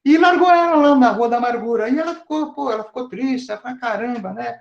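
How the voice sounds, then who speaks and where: A man's voice: extremely high pitch, fast, lo-fi sound. A man giving a casual university lecture, retelling a myth in slangy, filler-filled speech. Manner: colloquial, slangy storytelling with many fillers and laughs. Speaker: psychology lecturer.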